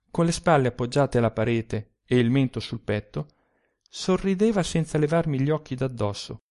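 A man narrating a literary story in a slow, expressive storytelling manner. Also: mid-range voice.

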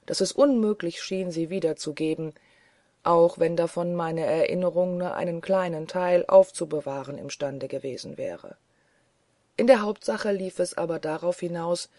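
An audiobook reader giving measured, scripted literary narration. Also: mid-range voice, dark tone, dry recording, studio quality.

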